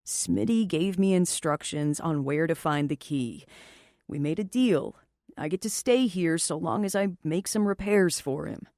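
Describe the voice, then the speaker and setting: A woman reading an audiobook, voicing an amused, nonchalant male stranger in a teasing, low-key way. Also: lively intonation, measured pace, a little mellow, no echo, clean studio sound. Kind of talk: audiobook character voice.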